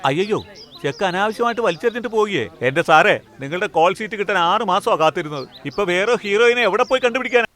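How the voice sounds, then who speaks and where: A man's voice: a little high, moderate pace, fairly bright tone, lightly acted. A man playing a fussing film director. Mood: flustered. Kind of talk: dubbed film acting.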